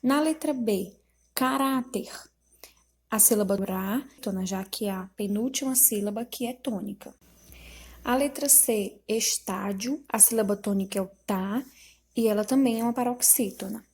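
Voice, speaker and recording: A woman teacher reading out school exercises and explaining the answers slowly, syllable by syllable. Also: mid-range voice, darkish tone, slightly rough. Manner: slow, explanatory, spells out syllables.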